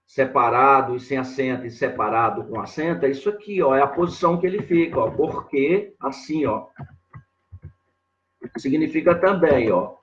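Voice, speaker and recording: A man teaching grammar in a live online lesson, talking slowly and repeating himself as he points things out on a board. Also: mid-range voice, muffled recording, slight background noise. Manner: slow and repetitive, constantly saying "ó" and "olha lá" while writing on a board.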